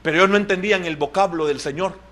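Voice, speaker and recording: A man preaching a sermon in church. He talks straight to the congregation and swings between loud exclamations and hushed asides. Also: high voice, quick pace. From El Salvador. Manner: addresses the congregation directly and often as "hermano". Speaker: pastor.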